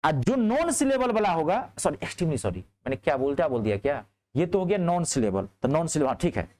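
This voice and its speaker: A man teaching a grammar class in speech, asking his students checking questions and answering them himself. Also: fast talker. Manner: lively, rising on questions and dropping low on answers.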